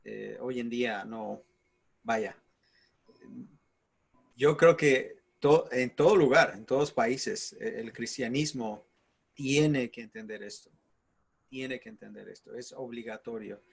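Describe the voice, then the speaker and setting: A man agreeing in casual chat, halting and repeating words. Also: mid-range voice, gravelly, husky.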